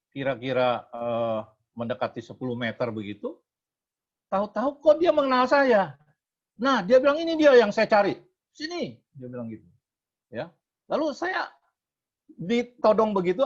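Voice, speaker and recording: A man giving a testimony at a prayer meeting, telling a story in a lively way and asking his listeners questions. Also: high voice, muffled recording. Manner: lively storyteller who asks the audience rhetorical questions.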